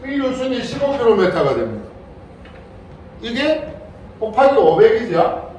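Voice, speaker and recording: Older monk lecturing in an echoey hall. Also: male voice, very high-pitched, very animated, unhurried, darkish tone, a little hiss or hum. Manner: keeps prompting listeners with a questioning "eh?", playful, imitates a cow's moo. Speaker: Buddhist monk lecturing on a sutra. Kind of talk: Dharma lecture to a congregation. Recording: very echoey hall, voice far from the mic.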